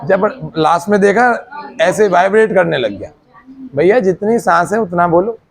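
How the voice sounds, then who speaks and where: A man's voice: sits high, lively intonation, normal speed, vocal fry. A man leading a group meditation lesson, explaining step by step, checking that students follow and demonstrating long chanted tones. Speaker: yoga meditation teacher. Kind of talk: classroom teaching to a group.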